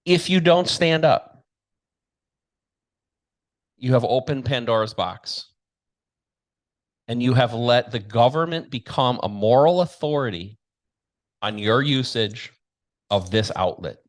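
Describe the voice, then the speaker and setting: Speaking directly to his viewers, this talk show host and commentator gives a combative, emphatic, blunt monologue full of opinion. He takes it slowly and pauses often, his medium-pitched voice staying expressive.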